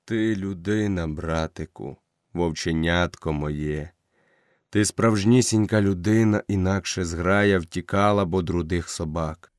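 Male reader doing an old dying wolf chief for a storybook: low, faint, breathless and fond. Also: a little mellow, no echo, studio quality. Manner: low, weak, breathless murmur.

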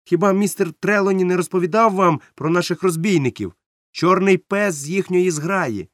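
An excitable young cabin boy calls out in a raised, eager voice, as a male narrator puts him on. The sound is close and dry. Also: sits high, normal speed, no echo, voice pushed up, natural voice. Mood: eager explaining.

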